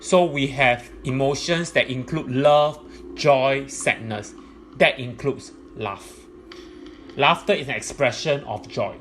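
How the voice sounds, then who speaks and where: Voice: medium pitch, takes it slowly, fairly bright tone, slight background noise. A presenter giving explanatory religious teaching in a methodical, point-by-point way.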